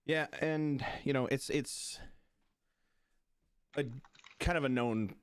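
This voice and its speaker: A man's voice: mid-range voice, slow, clear, resonant tone. A man co-hosting a sports podcast, chatting casually with restarts and playful groans. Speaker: podcast co-host.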